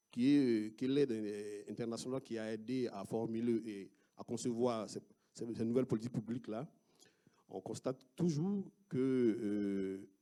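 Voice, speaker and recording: A man with an Ivorian French accent presents his research to an audience, walking through slides. His voice sits at an ordinary pitch but sounds dark and mellow. He talks haltingly, stopping often to fill gaps and restart his sentences. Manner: halting, many fillers and restarts. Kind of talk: academic talk with slides.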